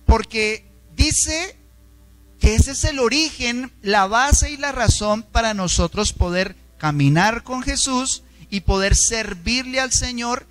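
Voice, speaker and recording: A man's voice: slow, fairly bright tone, faint music behind. A man with a Colombian accent preaching a sermon in a church, emphatic and dramatic, often asking the congregation questions. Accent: Colombian Spanish. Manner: dramatic, emphatic delivery with shifting pitch. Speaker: pastor.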